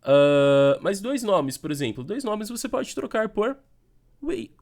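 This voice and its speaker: A man with a Brazilian Portuguese accent giving an animated online grammar lesson as an English teacher, drilling sentences slowly between quick explanations. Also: sits high.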